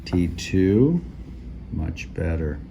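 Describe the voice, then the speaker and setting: A middle-aged man, a chiropractor, calmly explaining the knee and a treatment plan to a patient in a small clinic room. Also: low voice, drawn-out words, vocal fry, background noise. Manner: calm, instructive, names body parts step by step. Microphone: camera in the room.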